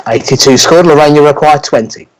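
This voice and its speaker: A man's voice: on the high side, a little fast, low-quality recording. A middle-aged man working as referee and score caller in a darts match, announcing legs and required scores. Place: indoors on a video call.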